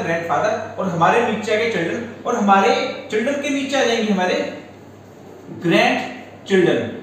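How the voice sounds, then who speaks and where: A man's voice: sits high, a bit bright, a little hiss or hum. A male teacher with Indian-accented English terms, explaining an exam-prep lesson step by step and checking in with his students. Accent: Indian English words mixed into Hindi. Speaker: reasoning teacher. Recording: very echoey room, mic at a distance.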